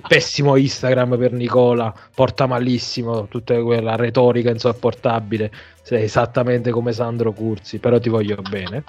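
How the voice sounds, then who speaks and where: A man's voice: mid-range voice, level tone, moderate pace, hardly any pauses. Slangy man over music. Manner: uses Neapolitan street slang and crude words. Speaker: football pundit on a talk show. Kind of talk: casual football chat. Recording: dull lo-fi audio, music behind.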